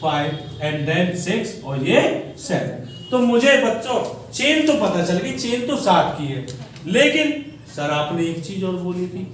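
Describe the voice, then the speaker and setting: A man's voice: high voice, sing-song, slow, slight background noise. Man, chemistry teacher, classroom lecture, call-and-response questions, echoey room, distant mic. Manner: call-and-response questioning, repeats key words.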